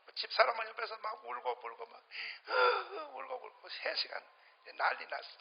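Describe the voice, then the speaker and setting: A middle-aged male pastor preaching a sermon to his congregation, swinging between fiery shouts and low muttering. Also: very animated, normal speed, creaky, slightly rough. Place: church before a congregation. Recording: dull lo-fi sermon recording.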